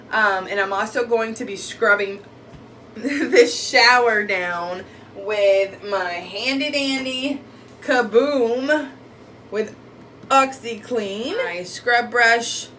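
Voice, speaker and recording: A woman's voice: fairly high pitch, sharp tone, far from the mic, a little hiss or hum, poor audio. A young woman vlogging casually at home, chatting as she walks viewers through her bathroom while decluttering and cleaning.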